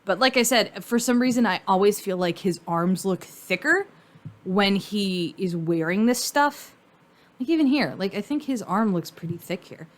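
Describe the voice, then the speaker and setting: A woman giving casual, rambling fan commentary on cartoon costume design, informal and thinking out loud. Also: medium pitch, animated, moderate pace.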